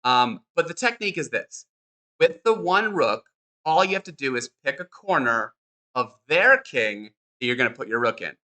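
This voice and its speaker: A man's voice: medium pitch, sing-song, moderate pace, bright, forceful tone. A man teaching a chess lesson, upbeat and encouraging, repeating short cues as he demonstrates moves on the board.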